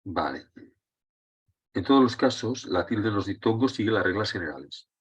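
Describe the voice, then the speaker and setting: Deep husky male Spanish teacher. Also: lively intonation, moderate pace, lo-fi sound. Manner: explanatory, checks in with students. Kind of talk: lesson on Spanish accent rules.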